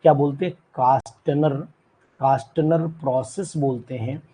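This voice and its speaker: A man's voice: mid-range voice, fairly even intonation, a little slow, mellow, husky, poor audio. A male chemistry teacher giving a live online class. He quizzes students by name and repeats key terms, mixing in English words.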